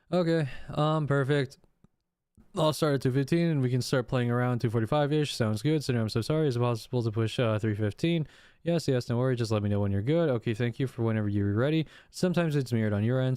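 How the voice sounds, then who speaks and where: A man's voice: medium pitch, clear, resonant tone, dry recording, clean studio sound. A man streaming, reading a document of messages aloud with casual commentary and the odd outburst. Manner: reads text flatly, breaks off with swearing and laughs.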